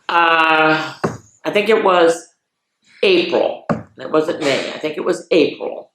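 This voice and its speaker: A woman runs a children's story time, reading picture books out loud and slipping in chatty little asides. Her voice sits low with a fairly bright tone. The recording is echoey and roomy.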